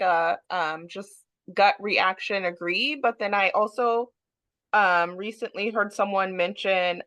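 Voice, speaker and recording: A woman's voice: medium pitch, fairly bright tone, no echo. A woman council member speaking tentatively in a meeting, hedging with many fillers. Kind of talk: meeting discussion.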